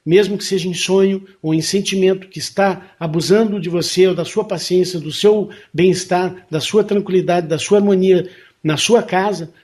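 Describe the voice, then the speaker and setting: A man's voice: high voice, darkish tone. A man with a Brazilian Portuguese accent, hosting a spiritual study program, teaching earnestly and reciting a solemn prayer invocation.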